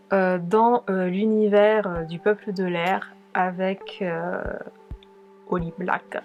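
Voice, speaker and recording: A woman presenting her monthly book purchases to viewers in a casual, hesitant way, often pausing on filler sounds. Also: mid-range voice, darkish tone. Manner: hesitant, many filler pauses. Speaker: book vlogger.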